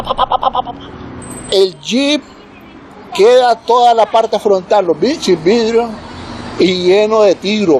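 A man's voice: fairly high pitch, a little mellow, slight background noise, low-quality recording. Man telling a vivid war story. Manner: vivid storytelling with gunfire sound effects. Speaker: interviewed witness. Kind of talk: recorded testimony.

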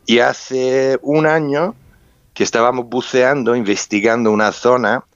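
A man's voice: medium pitch, steady tone, a little slow, clean tone, dry recording. A man, a native English speaker with a foreign accent, telling his story as an interview guest, searching for words and repeating for emphasis. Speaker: interview guest, underwater explorer and researcher. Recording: muffled sound with music behind.

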